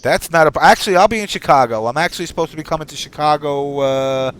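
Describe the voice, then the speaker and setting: A man's voice: fairly high pitch, fast talker, slight background noise. A man hosting a live online talk show in an informal, rambling way. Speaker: show host.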